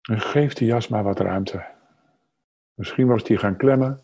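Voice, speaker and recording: Lage, krakerige mannenstem voor geleide meditatie. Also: male voice, lowish voice, husky. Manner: calm, unhurried, short phrases with long pauses. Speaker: guided meditation leader. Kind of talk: slow guided meditation narration.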